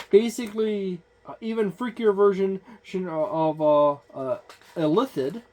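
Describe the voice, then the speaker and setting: A tabletop game book reviewer gives a casual, page-by-page overview in an unscripted listing style, his medium-pitched voice a little mellow over slight background noise. He halts often, with frequent "uh" fillers, restarts and self-corrections as he runs through entries. His wording is offhand and informal, like a hobbyist chatting.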